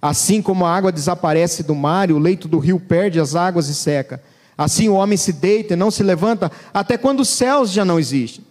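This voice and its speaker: A man preaching a sermon in a church, turning from loud emphasis to hushed, low words as he reads scripture. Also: a little fast. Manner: dramatic, swings between loud and hushed low voice. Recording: long church reverb.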